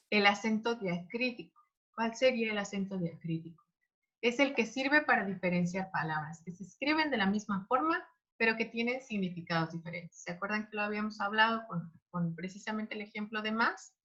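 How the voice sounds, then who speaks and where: A woman's voice: medium pitch, moderate pace, pushed and bright. Woman teaching spelling, lo-fi sound. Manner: explanatory, with frequent fillers and restarts. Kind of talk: online grammar lesson. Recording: dull lo-fi recording.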